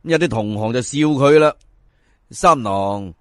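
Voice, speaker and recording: In a clean studio recording without echo, a man with a mid-range voice and a Hong Kong Cantonese accent tells a folk tale. He's a lively storyteller, colloquial and dramatic, drawing out the particles at the ends of sentences.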